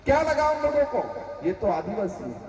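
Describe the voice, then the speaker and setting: A man's voice: very high voice, big pitch swings, normal speed, a little mellow. Impassioned man giving a rally speech. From Rajasthan. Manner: impassioned, rhetorical questions, repeated calls to the crowd. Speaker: political leader addressing a rally. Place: public gathering. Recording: echoey PA sound from far off.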